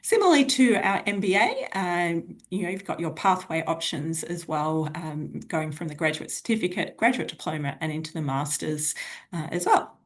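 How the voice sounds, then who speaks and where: Woman presenting, slightly low voice. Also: sing-song. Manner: lots of ums and uhs, halting. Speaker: university program presenter. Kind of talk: webinar presentation.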